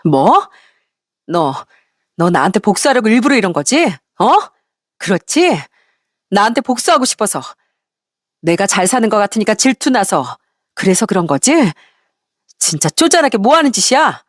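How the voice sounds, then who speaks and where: A woman voicing a brazen young ex-wife who yells and accuses in a high, strained voice. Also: big pitch swings, moderate pace, few pauses, no room sound, clean studio sound. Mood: angry shouting. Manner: yelling, accusing, high-pitched. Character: shrill, brazen young ex-wife screaming in anger.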